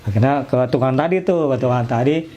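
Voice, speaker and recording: A man's voice: medium pitch, fast, dark tone. A middle-aged man, casually telling his own story and acting out the dialogue. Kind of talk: casual personal testimony.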